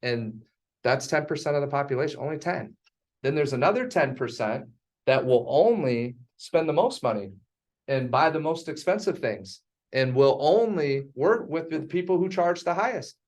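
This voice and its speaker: A man's voice: fairly high pitch, animated, normal speed, a little mellow. A man teaching a real estate sales class in an emphatic, teasing way.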